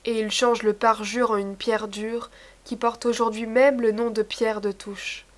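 Female narrator, fairly high voice; formal, measured storybook reading. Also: flat delivery. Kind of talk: scripted narration of a myth.

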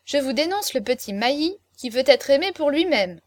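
A woman reading as a lively gossiping courtesan. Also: high-pitched, moderate pace, no room sound, voice pushed up. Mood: gossipy.

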